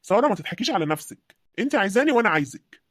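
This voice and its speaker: A woman voicing Youssef, an earnest young man confessing love in an animated drama, with an Egyptian accent. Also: mid-range voice, rapid-fire, breathy edge, no echo, studio quality. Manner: earnest, insistent. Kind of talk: cartoon voice acting.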